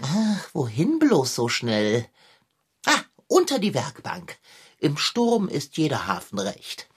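A plump, scheming tomcat from a children's radio play, acted by a woman, drawling his grand old-fashioned words slowly. His somewhat low voice leaps wildly between pitches as he wheedles and plays innocent, over soft music. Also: wildly swooping pitch, breathy edge, full character voice. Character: sly, pompous male tomcat, plump and scheming.

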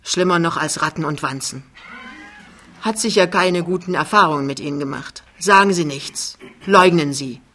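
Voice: mid-range voice, moderate pace, pushed and bright. A reader voicing a big, talkative, overbearing man who confides and gossips. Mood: confiding.

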